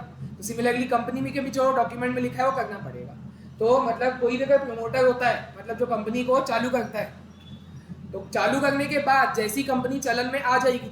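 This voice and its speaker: A man teaching an accountancy class, talking conversationally, quizzing students and repeating key terms. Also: very high voice. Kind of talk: classroom lecture. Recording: echoey room with background noise.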